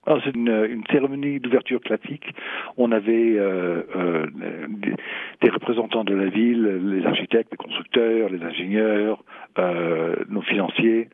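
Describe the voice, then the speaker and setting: A man in answers interview questions haltingly, searching for words and repeating himself. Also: lowish voice, dry recording. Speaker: property developer, executive interviewee. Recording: thin phone-like sound.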